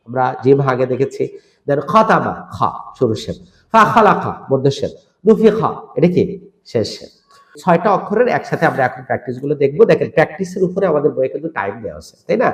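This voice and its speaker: A man's voice: on the high side, roomy sound. A man with a Bangladeshi Bengali accent teaching Quran letter pronunciation, drilling syllables aloud and mixing in English words. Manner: mixes English words into instruction. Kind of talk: online recitation lesson.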